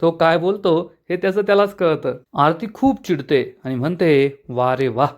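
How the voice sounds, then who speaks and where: A man narrating a television serial recap in an emotive, dramatic way. His voice sits a little high. He tells the story with plenty of feeling. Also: normal speed, dull audio. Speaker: serial episode reviewer.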